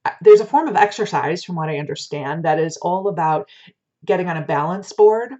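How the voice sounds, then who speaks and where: Female oracle reader, fortune-teller manner: lowish pitch, conversational and gently reassuring, slightly muffled lo-fi recording. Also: fairly quick. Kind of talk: casual spiritual card reading in the manner of a fortune teller. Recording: dull lo-fi sound.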